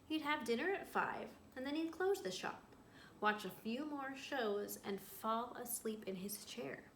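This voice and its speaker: A school librarian with a fairly high, lively voice reads a picture book aloud to children at an unhurried pace, telling the story expressively and adding little asides to her young listeners. The recording has a roomy echo and noticeable background noise.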